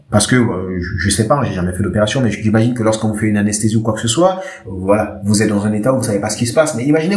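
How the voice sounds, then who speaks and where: Man coaching listeners in a roomy space. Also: medium pitch. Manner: lively, repetitive, direct address to listeners. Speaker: eloquence coach, podcast host. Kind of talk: casual instructional talk. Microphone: podcast microphone.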